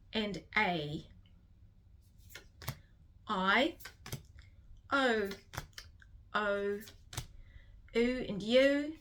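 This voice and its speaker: Her voice is mid-range and fairly bright as she teaches phonics. This literacy teacher, a woman with a New Zealand accent, carefully sounds out each letter in a slow, structured instructional tutorial.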